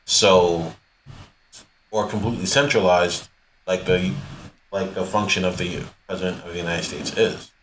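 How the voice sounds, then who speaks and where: A man co-hosting a podcast, talking politics in a measured, hesitant way full of fillers. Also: sits low, fairly even intonation, fairly bright tone. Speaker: podcast co-host. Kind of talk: casual political talk. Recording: echoey room with faint noise.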